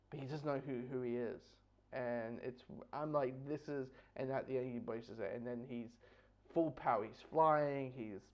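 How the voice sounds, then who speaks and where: A book review host, a man with a mid-range voice, gives a casual, unscripted review. He rambles and halts, often repeating words and starting over, and the sound is dull and lo-fi.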